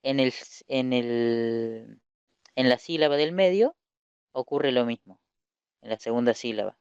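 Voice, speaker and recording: A man teaches in a smooth, clear voice, walking through each point patiently and posing questions before answering them. The recording is dry and a little muffled. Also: mid-range voice, unhurried, darkish tone, dry recording. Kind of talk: recorded language lesson.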